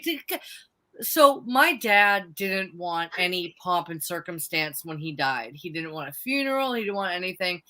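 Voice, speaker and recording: Woman, forties, bright and forceful, an emphatic ranter in casual chat. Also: mid-range voice. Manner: emphatic, animated and ranting.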